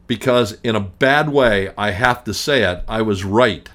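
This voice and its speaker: Fairly low-pitched and fairly bright, this middle-aged man speaks at a measured pace. As an estate planning attorney hosting a radio talk show, he rants with emphasis, repeats points to hammer them in, and restarts often, blunt and grumpy.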